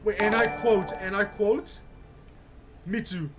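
A live streamer giving excited reaction commentary, yelling, laughing and swearing in bursts. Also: mid-range voice, a little slow. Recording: steady background noise.

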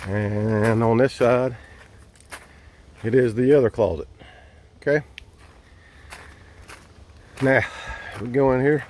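A man's voice: lowish voice, a little mellow. Laid-back guy showing off his camp tent, folksy, lots of uh's, handheld camera. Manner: easygoing, folksy, hesitant with fillers. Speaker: vlogger giving a campsite tour. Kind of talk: casual walkthrough narration. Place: campsite outdoors and inside a large tent. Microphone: handheld camera mic, filming himself walking.

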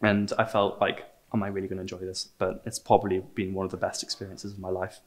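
A man's voice: low voice, little pitch movement, fast talker, a little mellow. A young man, a student performer talking in an interview. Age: young adult. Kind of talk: on-camera interview. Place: indoors on a theatre stage set.

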